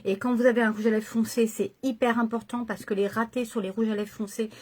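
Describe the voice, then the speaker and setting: A woman's voice: on the high side, flat delivery, brisk, darkish tone. A middle-aged woman chatting casually through a makeup tutorial at home, hesitating and correcting herself as she goes. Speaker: makeup vlogger.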